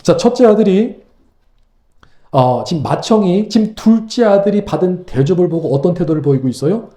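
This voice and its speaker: A man preaching a sermon as pastor, animated and full of rhetorical questions. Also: high-pitched, moderate pace, reverberant. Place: church sanctuary.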